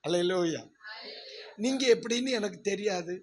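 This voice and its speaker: A male pastor preaching a sermon in a church service, asking the congregation questions and leading loud prayer. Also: high voice, expressive, normal speed. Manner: leads loud prayer and shouts of hallelujah.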